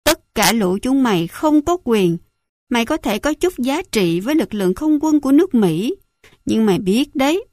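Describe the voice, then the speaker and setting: A woman's voice: fairly high pitch, very animated, moderate pace, darkish tone, dry recording, studio quality. A woman voicing a cruel, scornful middle-aged mother who smokes and mocks her son. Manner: sneering, mocking, contemptuous.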